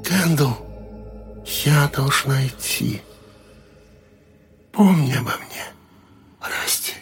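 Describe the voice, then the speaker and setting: A man's voice: medium pitch, drawn-out words, faint music behind, voice pushed up. A man whispering as a sad ghostly young woman. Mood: mournful whisper. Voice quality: breathy whisper. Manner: soft, pleading, fading.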